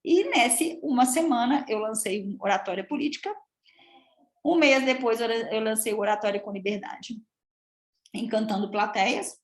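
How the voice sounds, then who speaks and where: A woman's voice: on the high side, moderate pace, reverberant. Chatty woman with a Minas Gerais accent. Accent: Minas Gerais Portuguese. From Minas Gerais, Brazil. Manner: lively, chatty, addresses the crowd often. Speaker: public speaking coach. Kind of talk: live talk to an audience. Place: room with an audience.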